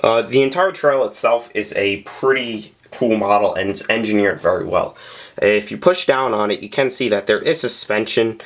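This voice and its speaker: A man narrating a casual, unscripted review of a scale model, speaking plainly with frequent pauses and filler sounds. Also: on the low side, creaky, a bit bright. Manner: plain-spoken and candid.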